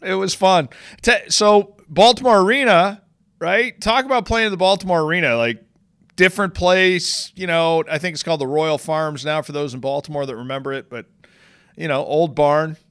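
A man's voice: a little high, moderate pace, fairly bright tone, clear, resonant tone. A man hosting a casual chat, prompting guests and retelling stories. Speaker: podcast host.

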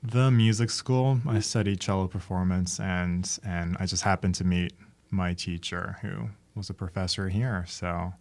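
A young man from Japan, a cellist, talking in a casual radio interview in a thoughtful way that pauses and restarts mid-sentence. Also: low voice, steady tone, a little mellow. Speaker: cellist, guest musician.

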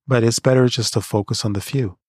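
A man from Canada, giving creative career advice in an earnest, measured motivational monologue. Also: mid-range voice, steady tone, darkish tone, slightly rough, dry recording, clean studio sound.

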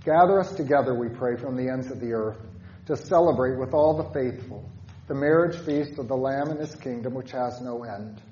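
A man leading congregational prayer as a pastor, solemnly, in measured phrases with pauses. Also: mid-range voice, dark tone, muffled recording, a little hiss or hum.

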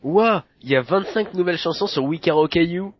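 A man's voice: fairly high pitch, lively intonation, moderate pace, highs cut off, a crowd in the background. A man co-hosting a casual podcast, talking bluntly and grumbling about things. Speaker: podcast co-host. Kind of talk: casual chat.

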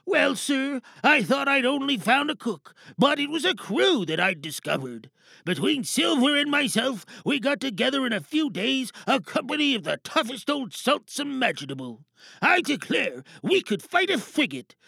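A meek, eager cartoon sidekick reads obediently. His voice is very high and bright, with a lively lilt and a gravelly texture. It sounds dry and close. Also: normal speed, no echo, heavily acted. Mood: earnest.

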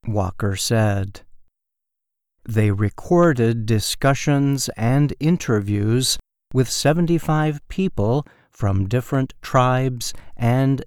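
A man reading a scripted educational report in a careful, measured and deliberate way. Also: medium pitch, darkish tone, smooth, no room sound, studio quality. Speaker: narrator of a learning-English news report. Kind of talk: slow, careful scripted narration.

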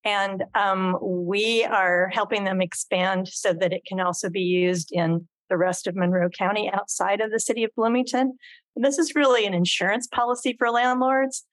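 A woman presenting at a public meeting, speaking in a halting way with many ums and uhs. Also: medium pitch, fairly even intonation, no room sound. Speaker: local housing official at a public meeting.

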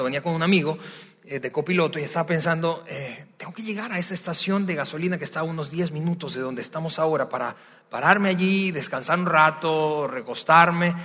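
A man preaching to a congregation in a big church, his bright, slightly high voice ringing out with a long reverb. He talks in a loose, conversational way, telling stories and pausing on small hesitations. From Venezuela. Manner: warm, conversational storytelling with frequent hesitations. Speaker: pastor. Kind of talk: sermon. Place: large church hall.

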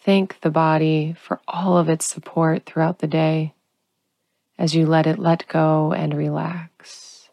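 Low-pitched and calm, a woman narrates a guided sleep meditation like a bedtime story, soothing and in no rush, with long pauses between lines. The recording has no audible room sound.

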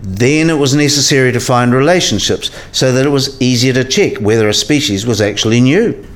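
In a radio play, a man portrays a learned professor explaining the history of science in a precise, didactic manner. His natural, medium-pitched voice is brisk, and the mood is measured and instructive.

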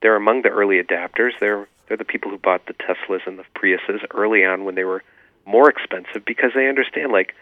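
A man's voice: fairly low pitch, brisk, dry recording. A man, an author being interviewed, explaining his views earnestly and with many fillers. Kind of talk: remote radio interview. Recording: tinny phone line.

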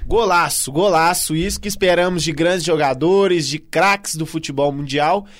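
A man with a high voice comments on a live football match. He gives analysis of the play as part of the commentary team. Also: normal speed.

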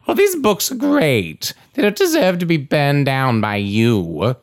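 Brash, greedy female adventurer, woman acting: low-pitched, unhurried, deadpan to indignant, comic audio drama. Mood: scheming. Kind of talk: comedic fantasy audio drama.

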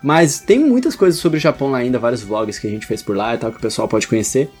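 A man's voice: mid-range voice, expressive, quick pace, a little mellow, soft background music. A Brazilian man talking casually as a guest on a podcast.

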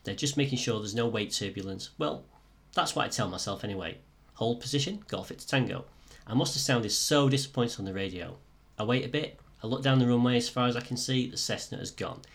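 A man with a slightly croaky, sore-throat voice, presenting a podcast as scripted first-person storytelling. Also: medium pitch, fairly quick. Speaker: podcast host and student pilot.

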